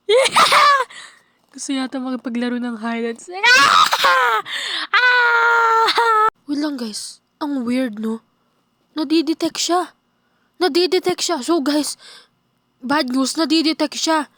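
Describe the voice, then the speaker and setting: A young woman vlogger narrating a horror game role-play, excitable, with sudden screams and quiet asides. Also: sits high, a little slow, a little hiss or hum.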